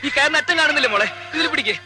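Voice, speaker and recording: An actor playing a desperate young father shouting and pleading to his trapped daughter, over a loud film score. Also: extremely high pitch, racing, heavy background noise. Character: frantic young father, daughter fallen in pit.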